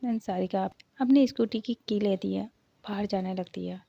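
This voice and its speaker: A woman storyteller greeting listeners and narrating a romance story episode in a slow, measured way. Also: mid-range voice, fairly even intonation, creaky, warm tone, dry recording. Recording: dull lo-fi recording.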